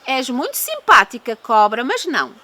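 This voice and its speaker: A woman's voice: high-pitched, sing-song, normal speed, pushed and bright, full character voice. A woman with a European Portuguese accent voicing a small, cunning, boastful male mouse in a storybook, polite, teasing and dramatic. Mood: cheeky, boastful. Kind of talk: storybook character voice.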